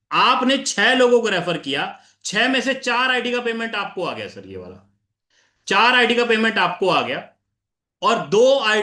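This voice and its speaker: Guy explaining a plan on screen share, high bright voice, keeps asking and answering himself, echoey room. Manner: repetitive, asks and answers his own questions, addresses listeners as sir. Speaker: crypto plan presenter.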